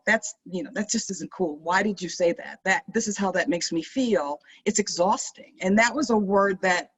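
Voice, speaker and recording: A Maryland woman appears as a panel guest, speaking earnestly and reflectively in a discussion. Her voice sits on the low side with a slight roughness, and she often restarts her sentences.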